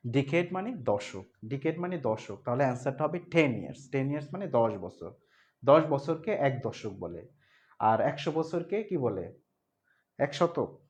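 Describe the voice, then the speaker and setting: A man's voice: medium pitch, sing-song, measured pace, darkish tone. Man teaching an exam-prep class, repetitive. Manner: explains step by step, repeats points, asks students if they understood; spells words letter by letter, mixes Bengali with read-out English. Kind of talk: online exam-prep lecture.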